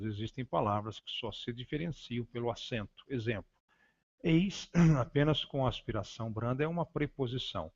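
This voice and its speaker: A man teaching a grammar lesson, reading slowly and deliberately from slides with frequent hesitations. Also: medium pitch. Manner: slow, deliberate, spelling out words with frequent hesitations. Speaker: Greek teacher. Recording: dull lo-fi recording.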